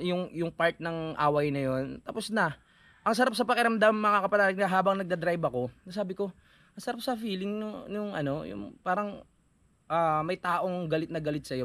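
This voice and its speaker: A man's voice: a little high, a bit bright, dry recording. Man telling a story, mock-preachy. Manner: mock-preachy, addresses viewers as "mga kapanalig". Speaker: vlogger. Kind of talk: casual storytelling vlog.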